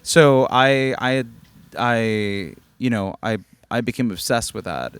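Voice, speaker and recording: A man's voice: mid-range voice, slow, fairly bright tone, clear, resonant tone, no room sound. A man from Argentina, a musician guest telling stories eagerly in a casual interview, often restarting his sentences. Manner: eager storyteller with frequent restarts. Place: rooftop in the open air.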